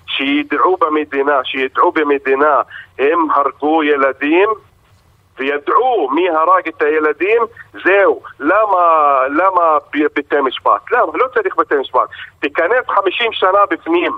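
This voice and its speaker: Man on a tinny phone line halting, grieving father. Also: a little high. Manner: halting, repeats words, emotional and angry. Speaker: bereaved father, radio guest. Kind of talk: phone-in radio interview. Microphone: telephone.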